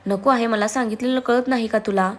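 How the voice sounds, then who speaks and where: A woman's voice: on the high side, fairly even intonation, a little fast, close to an everyday voice. Woman reading as a fierce young woman, angry and accusing, storybook style. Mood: furious. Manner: heated, accusing.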